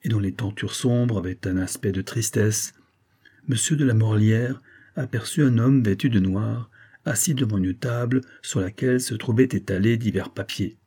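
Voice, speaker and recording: Dark husky male audiobook narrator. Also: on the low side, moderate pace. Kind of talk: audiobook narration of a classic novel.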